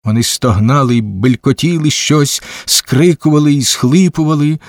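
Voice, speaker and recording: A man reading a novel aloud as a measured audiobook narrator. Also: a little high, no echo, clean studio sound. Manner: measured, unhurried storytelling. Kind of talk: scripted narration.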